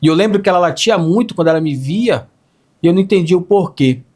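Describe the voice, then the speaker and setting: Raspy hoarse guy telling his faith story, kinda high pitched, earnest and repeating himself. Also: animated, fast, a little mellow. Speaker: testimony speaker. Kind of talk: emotional faith testimony.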